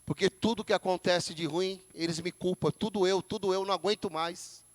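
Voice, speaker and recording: A man's voice: sits high, steady tone, moderate pace, in a large hall, close to an everyday voice. A man voicing a self-pitying male devil who complains that he gets the blame, told as a joke in a sermon. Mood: whiny. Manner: complaining, aggrieved.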